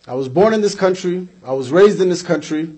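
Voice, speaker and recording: Standing at a podium microphone in an indoor hall lined with flags, a young American man speaks at a community event with fiery political emphasis. His voice is high, husky and warm, animated and fairly quick, as he repeats points, asks rhetorical questions and gestures as he talks.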